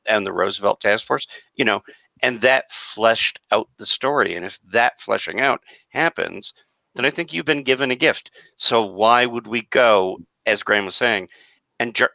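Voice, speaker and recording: A man talking on a casual live-stream panel in an animated, emphatic way, with some self-deprecating humour. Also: fairly low pitch, vocal fry, no echo, lo-fi sound. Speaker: panel guest.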